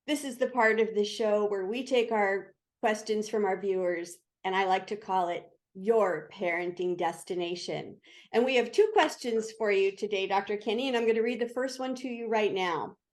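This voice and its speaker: A woman's voice: mid-range voice, moderate pace. A woman hosting an interview show, speaking in an encouraging, reassuring way to parents and her guest. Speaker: show host.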